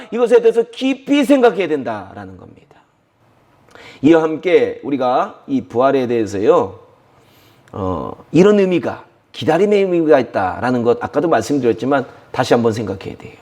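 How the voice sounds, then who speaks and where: A middle-aged male pastor delivering a Sunday sermon with a fairly high voice. He is emphatic, repeats his key phrases and answers the questions he puts to the congregation. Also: darkish tone.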